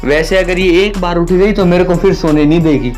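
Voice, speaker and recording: A cheeky cartoon boy hero talks in a teasing, easygoing way, as a narrator voices him. His voice sits fairly high. Light music plays underneath. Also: moderate pace, darkish tone, natural voice. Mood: fond.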